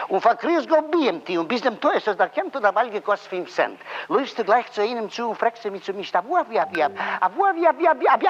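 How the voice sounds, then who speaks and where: A man with a Yiddish accent and a high voice chants a comic song-poem in a rhythmic, sing-song way. His pitch swings widely as he builds up playful refrains. The recording sounds dull and lo-fi. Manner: lively, playful, repeats phrases with rising excitement.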